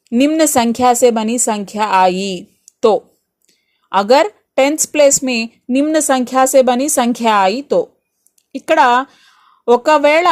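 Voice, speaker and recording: A woman teaching an exam-prep grammar lesson, explaining step by step with reassuring rhetorical questions. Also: a little high. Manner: mixes Telugu with English words.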